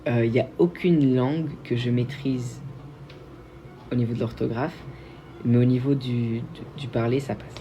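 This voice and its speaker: A man's voice: medium pitch, steady tone, moderate pace, mellow, dull audio, a little hiss or hum. A young man from Belgium, hosting a casual livestream and answering viewer questions in a chatty, self-mocking way with frequent restarts. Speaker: livestream host.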